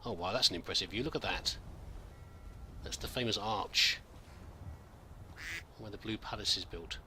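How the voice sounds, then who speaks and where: Man, bright timbre, medium pitch, casual game commentary, rambling, polite, hesitant, faint background noise. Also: normal speed. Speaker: gamer narrating a roleplay playthrough.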